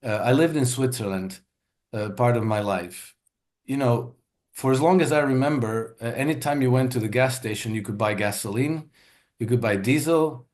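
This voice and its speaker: A man who grew up in Croatia appears as a guest market analyst in an interview conversation, explaining his views. His voice is mid-range with a darkish tone and a moderate pace, and he uses frequent fillers and emphatic stresses.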